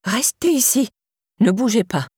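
A woman voicing a suspicious, curt elderly female neighbor in an audiobook, with a sharp, accusing manner. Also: a little high, lively intonation, a little slow, slightly rough, no room sound, studio quality, voice pushed up, full character voice. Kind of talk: audiobook character voice.

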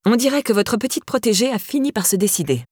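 A woman's voice: fairly high pitch, sing-song, fast, a little mellow, slightly rough, dry recording, voice pushed up. A woman reading an audiobook and voicing a stiff, haughty middle-aged woman with a dry, clipped delivery. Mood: curt.

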